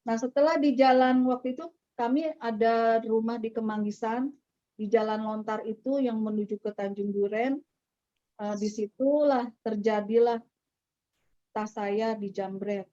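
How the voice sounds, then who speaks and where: A middle-aged woman shares her personal testimony with a church audience in a fairly high, steady, mellow voice at an unhurried pace. Her storytelling is conversational, and she acts out the dialogue she quotes. The recording is dry and slightly dull.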